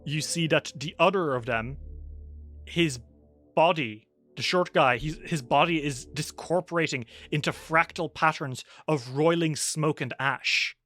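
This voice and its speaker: A man narrates a tabletop game as game master, painting the scene in vivid, animated detail. His voice sits a little high and sounds bright and sharp. His delivery is lively and descriptive. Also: unhurried, faint music behind.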